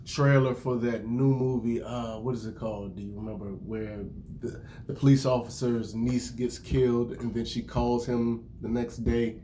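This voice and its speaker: Regular-pitched dude co-hosting, slangy, jokey, swears a lot, super relaxed. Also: male voice, moderate pace, a little hiss or hum. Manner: relaxed, joking, slangy and profane. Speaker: podcast co-host. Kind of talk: casual chat.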